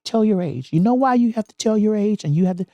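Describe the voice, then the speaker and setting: A woman's voice: medium pitch, expressive, fast, no room sound, lo-fi sound. A woman hosting a podcast, chatting in a playful, bold way with many stammers and restarts. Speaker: host. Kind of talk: casual podcast chat.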